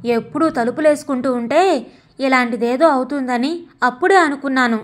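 A woman's voice: high voice, normal speed, natural voice. A woman voicing an older mother who is proud and easily hurt, scolding in a bitter tone. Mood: angry, bitter.

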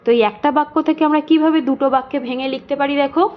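A high-voiced woman tutor works through a grammar lesson for schoolchildren. She is patient and methodical, asking a question and answering it herself, and she stretches words out slowly to sound out each syllable. The recording is a little dull and lo-fi. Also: steady tone. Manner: patient, explains step by step with rhetorical questions.

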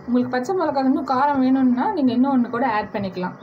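A cooking channel host with a fairly high voice demonstrates home cooking at her stove, walking viewers through a recipe step by step in an unhurried way and addressing them directly. The noisy home recording is muffled, with clear background noise and kitchen sounds.

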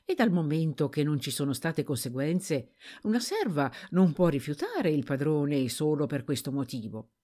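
A woman's voice: low voice, lively intonation, normal speed, warm tone. A woman voicing a stubborn, angry farm master who presses his servant girl with insistent questions, in an audiobook reading. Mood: angry, badgering. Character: gruff, stubborn, angry farm master, a middle-aged man.

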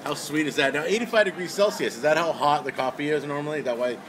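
A man's voice: a little high, quick pace, noisy background. A man in his forties hosting a casual chat, teasing and laughing, recorded at arm's length on a cafe patio. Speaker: show host. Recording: crowd chatter behind.

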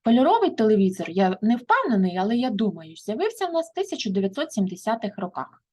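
A woman's voice: medium pitch, very animated, a little mellow, poor audio. A woman English teacher, explaining a textbook lesson and translating each step. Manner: switches between slow English and quick translations.

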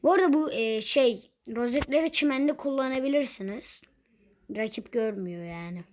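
A woman's voice: on the high side, moderate pace. Chatty young woman narrating her gameplay. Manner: chatty, exasperated, teasing. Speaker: gaming youtuber. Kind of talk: casual gameplay commentary.

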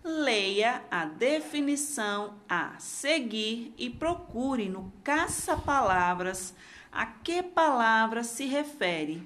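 A woman's voice: fairly high pitch, sing-song, slow, fairly bright tone. A Brazilian woman giving a lesson to young children as their teacher, posing questions and answering them. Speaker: primary school teacher.

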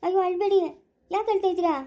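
A sweet little village girl in a cartoon, voiced by a woman, eager and easily moved to tears. Her voice is very high and quick, with a childlike, pleading manner. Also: steady tone, dark tone. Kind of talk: cartoon voice acting.

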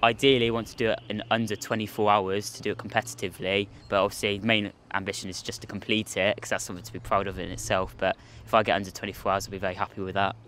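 A man's voice: fairly low pitch, little pitch movement, a bit bright, a little hiss or hum. A young man interviewed outdoors by a lake, answering eagerly and rambling a little. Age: young adult. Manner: quick, eager, slightly rambling. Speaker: young army canoe racer being interviewed.

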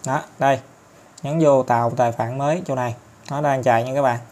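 A man with a Southern Vietnamese accent talking viewers through an app tutorial step by step, chatty and filling pauses often. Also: mid-range voice, steady tone, darkish tone. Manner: chatty, step-by-step, many fillers and tag particles. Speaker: tutorial host. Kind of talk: screen-recorded app tutorial.

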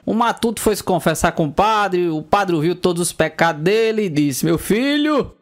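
Comic storyteller, male, from Northeast Brazil, high voice, leaps into squeaky character voices. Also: expressive, normal speed. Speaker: comedian. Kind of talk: joke telling.

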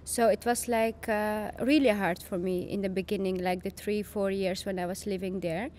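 A young woman from Chechnya who speaks Dutch natively is a podcast guest in a casual studio interview, using many fillers and restarts. Her voice is medium-pitched and a little mellow, with a steady tone and moderate pace. A boom-arm studio mic picks her up along with a little hiss or hum.

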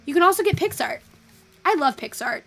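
A young woman chatting casually through a photo-editing tutorial, thinking out loud and swearing now and then. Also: high-pitched, animated, brisk, soft background music. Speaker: virtual photography streamer.

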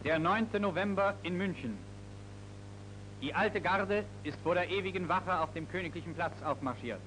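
A man's voice: high voice, moderate pace, poor audio. A man narrating a 1939 newsreel in a solemn, declamatory manner. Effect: old newsreel narration. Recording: old newsreel soundtrack over loud music.

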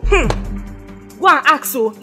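A loud, scolding wife in a Nigerian comedy skit, played by a woman. She shouts in a very high, bright, sharp voice that swings up and down, with a Nigerian English accent and music playing behind. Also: lively intonation, unhurried.

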